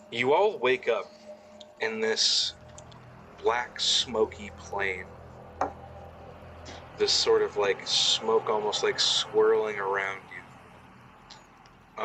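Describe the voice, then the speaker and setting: A man's voice: on the low side, pushed and bright. A man narrating a tabletop game casually as game master. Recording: noisy, crickets chirping behind.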